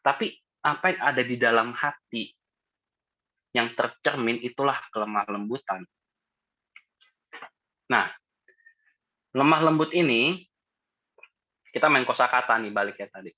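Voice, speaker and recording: A man leads a relaxed Bible study in an easy, chatty way and keeps asking the group questions. His voice sits at an ordinary pitch for a man. The audio is dull and lo-fi. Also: a little slow, long pauses. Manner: conversational, asks the group questions. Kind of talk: casual Bible study teaching.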